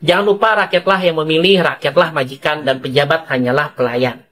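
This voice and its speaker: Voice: mid-range voice, fairly even intonation, a little fast, fairly bright tone. A narrator reading scripted gossip news commentary, rhetorical and addressing viewers directly.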